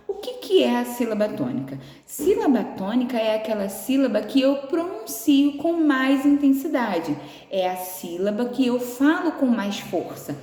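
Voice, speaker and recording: A fairly high-voiced Brazilian woman talking a class through its exercises with a lively, up-and-down pitch. She explains step by step and softens her words with affectionate little forms. The voice rings out in a roomy space with a long echo trailing behind it. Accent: Brazilian Portuguese. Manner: patient, explains slowly, affectionate diminutives. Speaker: teacher. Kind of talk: remote class lesson. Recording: echoey room with long reverb.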